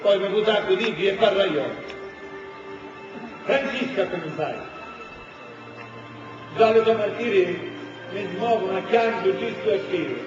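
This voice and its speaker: A man playing a compassionate poet journeying through hell, reciting earnest, drawn-out dramatic verse with a Sicilian accent. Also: high voice. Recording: echoing, muffled, distant, music behind.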